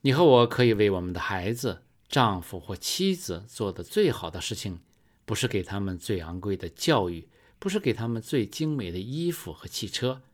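A man preaching a sermon in a slow, measured storytelling manner, rising for emphasis. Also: fairly low pitch, big pitch swings.

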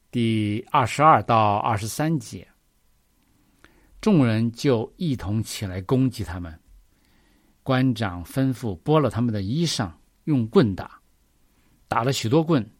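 A man's voice: lowish voice, no room sound, studio quality. A man preaching a sermon, reading scripture verses and explaining them earnestly, often asking the listeners questions.

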